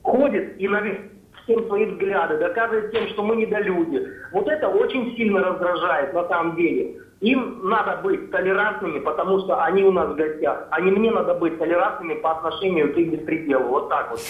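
High-voiced man on a tinny, echoing phone line. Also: a little fast. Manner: insistent, asks rhetorical questions. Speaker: phone-in caller. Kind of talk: opinionated call-in talk. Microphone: telephone. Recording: echoing, narrow-band telephone line.

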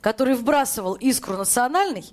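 A woman's voice: on the high side, lively intonation, brisk, a little mellow. A woman hosting a live phone-in talk show, speaking to listeners and callers. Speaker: radio call-in host.

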